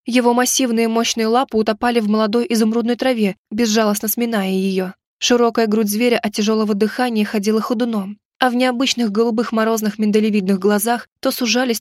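A woman reads a first-person audiobook with expressive storytelling. Her voice sits a little high and is recorded close and dry. The narration has a lively, engaged tone. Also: fairly quick, no echo.

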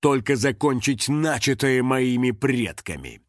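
A man's voice: mid-range voice, lively intonation, a little slow, dry recording, clean studio sound, close to an everyday voice. A man voicing a gloomy grown male monster hunter who growls and gloats, proud of his line. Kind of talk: audiobook character voice.

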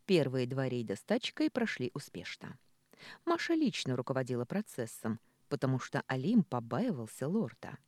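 Brief: female audiobook narrator, low voice with a lively range, dry close sound. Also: moderate pace, no room sound.

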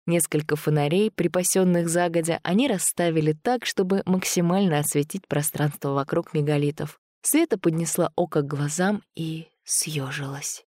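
A woman narrating an audiobook thriller in a steady, tense storytelling manner. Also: low voice, normal speed, few pauses, dry recording, clean studio sound.

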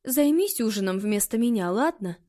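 A woman's voice: a little high, animated, moderate pace, dark tone, natural voice. Woman reading a worried young mother. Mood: gentle. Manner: firm, restrained anger. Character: worried middle-aged mother, stern then gentle.

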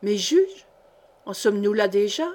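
A woman's voice: medium pitch, lively intonation, a little slow, a little mellow, natural voice. A woman voicing a fussy middle-aged male royal steward in a storybook reading, protesting and justifying himself. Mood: dismayed.

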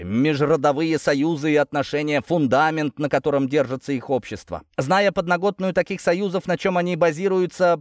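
A man narrating an audiobook in an expressive storytelling read. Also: fairly high pitch, dry recording, studio quality. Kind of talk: scripted narration.

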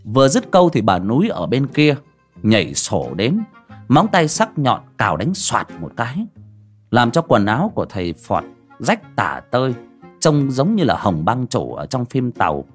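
Expressive male audiobook storyteller. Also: mid-range voice, moderate pace, faint music behind.

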